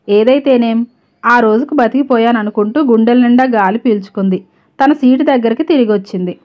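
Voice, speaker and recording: A woman storyteller reads a scripted story in a steady, even manner. Her voice sits fairly high. The recording is slightly dull and lo-fi.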